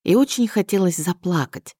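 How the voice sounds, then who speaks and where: Low-voiced woman reading a novel. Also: moderate pace, slightly rough, no echo, studio quality. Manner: expressive storytelling, mixing plain telling with inner voice. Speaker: audiobook reader. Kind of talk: scripted literary narration.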